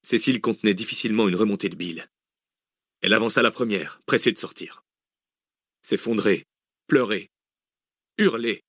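A man narrates a thriller audiobook in a measured, dramatic way. His voice sits low. The recording is dry and close, with no room sound. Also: a bit bright, no room sound.

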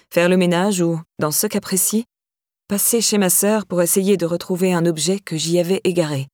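A woman voicing a proud, grieving woman, low and subdued. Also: darkish tone, no room sound, studio quality, close to an everyday voice. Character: proud, grieving middle-aged woman, cold then fragile.

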